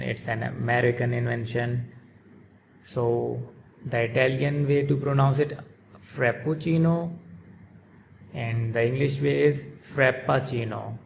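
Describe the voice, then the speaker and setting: A man hosts a pronunciation lesson in a gravelly voice, saying words slowly and deliberately. His pitch sits in the middle for a man. A faint noise runs under the recording. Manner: slow, deliberate repetition of words. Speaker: pronunciation channel host.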